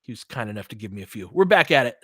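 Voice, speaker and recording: Very fast and sing-song, this man's mid-range voice carries a sharp tone over clean, echo-free studio sound. A Californian with an American accent, he does play-by-play and hosts casual basketball talk while answering listeners. His analytical thoughts spill out in sentences that trail off and restart.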